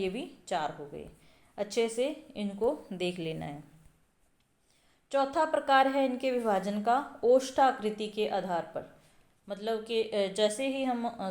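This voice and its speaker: A woman's voice: medium pitch, a little mellow, reverberant. A woman teaching an exam-prep lesson, explaining step by step and sounding out vowels aloud. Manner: explanatory, repeats sounds aloud, many fillers.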